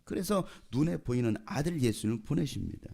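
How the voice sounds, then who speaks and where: Male pastor, lively sermon voice that keeps quizzing the congregation and echoing their replies. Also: mid-range voice, fairly quick, creaky. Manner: asks the congregation questions and repeats their answers.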